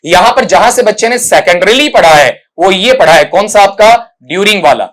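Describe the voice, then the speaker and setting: A man's voice: high voice, animated, a bit bright. A male English teacher giving an exam prep lesson, calling students "beta" and checking "theek hai?" after each point. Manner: explains pronunciation slowly, syllable by syllable.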